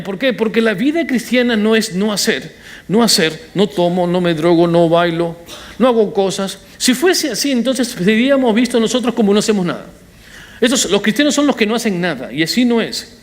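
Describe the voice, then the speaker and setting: Un pastor predicando un sermón de forma animada, con apartes juguetones. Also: male voice, high-pitched. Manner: animated preaching with playful asides. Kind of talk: sermon.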